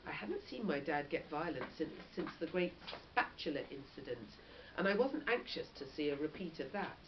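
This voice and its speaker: A woman with a deep voice reads a children's story aloud at a moderate pace, expressive like a teacher. She's animated and drops in short explanatory asides, though the recording is dull and lo-fi with faint noise.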